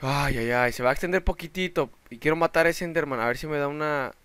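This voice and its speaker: Young male gamer, excitable let's play commentary, smooth voice, dry close sound. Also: on the high side, quick pace, no echo. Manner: excitable, shouts in panic at sudden dangers. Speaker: gaming channel host.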